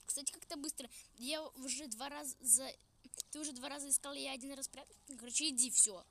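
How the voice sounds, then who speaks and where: A woman's voice: sits high, steady tone, fairly quick, creaky. A woman playing a game with a friend, chatty and playfully complaining. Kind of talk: casual gaming chat. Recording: loud background noise with clicks.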